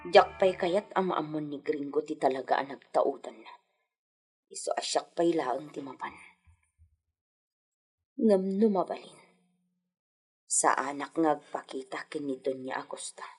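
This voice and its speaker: A woman with a Filipino accent plays a worried, protective mother in a radio comedy-drama. Her husky, low voice coaxes and frets in a heavily acted performance.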